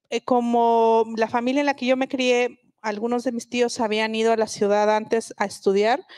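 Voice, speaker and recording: Her voice is on the high side and recorded dry and close, with no echo. She's a reflective linguist from Oaxaca, Mexico, a native Mixe speaker, explaining ideas at a book festival public talk as a guest speaker and often restarting her sentences.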